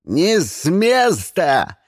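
A man's voice: high-pitched, wildly swooping pitch, very slow, no echo, studio quality, voice pushed up, full character voice. A reader voicing a bullying armed male agent who barks orders in a storybook reading. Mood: barking. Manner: barking orders.

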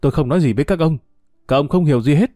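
A man playing a condemned husband who speaks calmly and with resignation. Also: on the high side, rapid-fire, no room sound, clean studio sound, natural voice. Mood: curt. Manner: calm, resigned.

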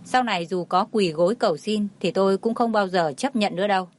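A woman's voice: medium pitch, a little fast, slight background noise, close to an everyday voice. A woman reading the lines of a cold, haughty rich older woman in a storybook, curt and dismissive.

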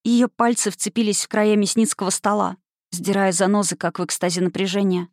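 Dry, steady audiobook narrator. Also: mid-range voice, a little fast, dry recording. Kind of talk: scripted fantasy novel narration.

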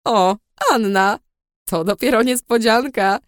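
A woman's voice: mid-range voice, lively intonation, a little slow, no echo, clean studio sound. A woman voicing a cheeky, playful young female alchemist who teases and laughs, in an audiobook reading. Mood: teasing. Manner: teasing, laughing. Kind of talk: audiobook character voice.

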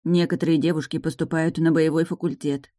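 A woman's voice: sits low, level tone, fairly quick, mellow, dry recording, clean studio sound, close to an everyday voice. A woman voicing a blunt, practical young witch heroine in a matter-of-fact way. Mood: plain. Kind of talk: audiobook narration.

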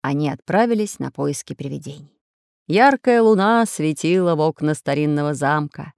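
Woman storybook narrator, mid pitch, very lively intonation, dry close mic. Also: moderate pace, dry recording. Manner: expressive, clear reading.

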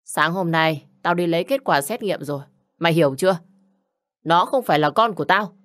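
A woman puts on a jealous young husband in an audio story, coarse and bullying as he hurls accusations. The voice sits fairly low for a woman. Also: normal speed, natural voice. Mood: furious. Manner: shouting insults, coarse and bullying.

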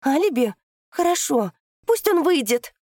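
A woman voicing a desperate shouting young woman. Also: very animated, slow, dry recording, clean studio sound, heavily acted. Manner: high, loud, pleading outbursts. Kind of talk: audiobook reading.

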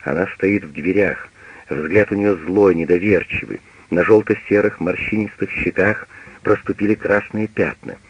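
A man narrating a novel in an expressive, dramatic literary radio reading. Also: low voice, normal speed, husky, lo-fi sound.

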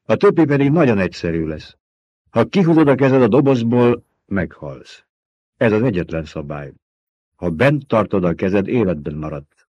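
Guy doing a cold bossy old priestess lady, husky, dull lo-fi audiobook sound. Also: lowish voice, expressive, dry recording. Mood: stern. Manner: commanding, sharp, cold. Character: stern, menacing old woman, a priestess.

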